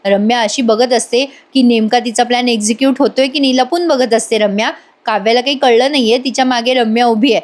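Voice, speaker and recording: A woman recapping a TV serial episode in a voice-over, chatting directly to her viewers. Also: on the high side.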